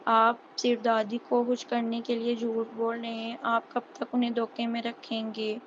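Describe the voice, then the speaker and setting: A jealous young woman spits accusations, read out by a woman narrator. The delivery stays level and high-pitched, with little rise or fall. The recording sounds muffled and carries a faint hiss. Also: natural voice. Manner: flat monotone reading.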